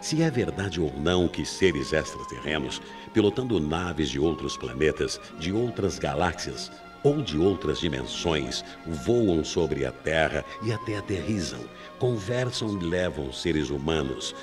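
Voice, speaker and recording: Deliberate, suspense-heavy phrasing marks this Brazilian man's narration of a scripted radio mystery. His voice is extremely deep and his delivery highly expressive, set against music in a 1990s AM drama recording.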